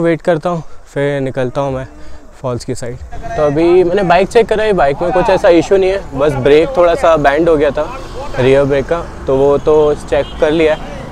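A man's voice: on the high side, a little mellow. A young man talking casually to his camera on a motorcycle trip, thinking aloud as he goes. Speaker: motorcycle vlogger. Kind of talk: casual travel vlog. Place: outdoors on a hill road. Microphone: lapel mic, selfie camera at arm's length. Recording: outdoor noise from traffic. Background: traffic and outdoor ambience.

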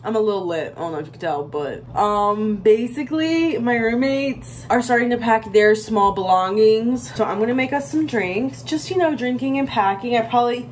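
A woman's voice: on the high side, expressive, normal speed, few pauses, slight background noise. A young woman in her twenties vlogging casually to a handheld phone camera, playful and swearing freely. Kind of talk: casual vlog chat. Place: house rooms and parked car.

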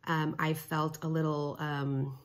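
A woman with a low voice chats casually at home, rambling through stories with plenty of fillers. She is sick, with a cough and a little short of breath. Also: flat delivery, slow. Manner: chatty storyteller, many fillers. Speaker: vlog co-host. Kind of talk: casual chat.

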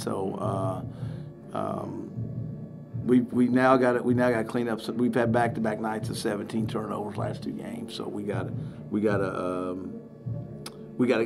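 A middle-aged man coaching a basketball team speaks at a postgame press conference, his voice gravelly. He talks candidly and with energy, repeating words as he restarts, into a table mic with music audible behind him. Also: on the low side. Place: press room in front of a sponsor backdrop. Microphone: table mic on a stand.

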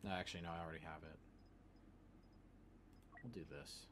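A man hosts a gaming video with casual let's play commentary, offhand and playful, often muttering to himself and making playful sound effects. His deep voice keeps a steady tone at a moderate pace, with game battle noise behind it.

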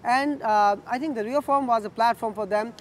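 A young man from Pakistan answers interview questions outdoors. He speaks in a very high voice for a man. He talks slowly and deliberately, with pauses. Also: crowd noise. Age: young adult. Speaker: human rights activist.

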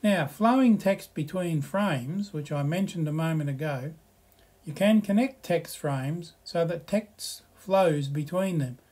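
A man presenting a software tutorial, reading slides aloud with relaxed explanatory asides. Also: fairly high pitch.

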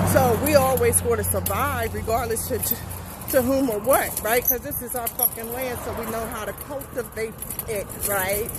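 A middle-aged woman, talking emphatically into her phone while walking outdoors and asking "right?" again and again. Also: a little high. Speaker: vlogger. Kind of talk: casual walking vlog monologue. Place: outdoors on a street. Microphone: phone held at arm's length. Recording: phone audio with street noise. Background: outdoor traffic noise.

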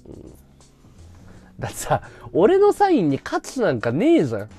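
A man live-streaming a casual chat, blunt and ranting, swinging from loud outbursts to low mutters. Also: wildly swooping pitch, moderate pace, soft background music.

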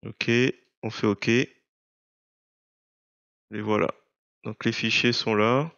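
A man narrating an unscripted software screencast, explaining step by step in a hesitant, halting way. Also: lowish voice, fairly even intonation, creaky, dry recording, highs cut off. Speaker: software tutorial presenter.

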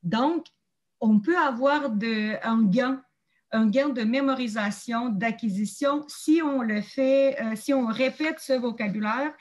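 A woman's voice: fairly high pitch, takes it slowly, a little mellow. A woman hosting an online teachers' meeting, explaining documents and ideas while searching for her words. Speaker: host of a teachers' community meeting.

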